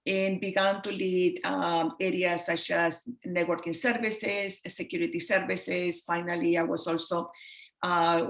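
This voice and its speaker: A woman in her fifties from Chile with a Chilean Spanish accent, a technology executive speaking in a measured way with many fillers on a video call. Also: on the low side. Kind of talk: panel talk on a video call. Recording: roomy echoey sound.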